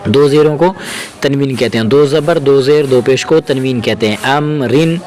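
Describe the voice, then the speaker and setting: A man teaching Quran reading, slowly spelling out letters and sounds and often checking that the learner follows. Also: medium pitch, a little mellow, soft background music. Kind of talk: step-by-step Quran reading lesson.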